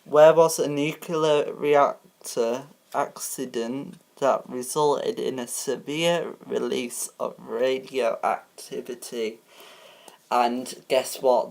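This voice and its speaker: A woman hosting a homemade game show parody, reading rules and questions in a halting way with many ums and restarts. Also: a bass voice, a little mellow.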